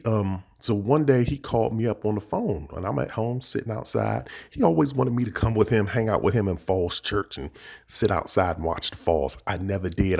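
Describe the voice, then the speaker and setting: Gravelly-voiced D.C. man telling a story. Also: on the low side, darkish tone. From Washington, D.C. area. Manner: laid-back, rambling, slangy. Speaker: podcast host. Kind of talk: casual storytelling monologue.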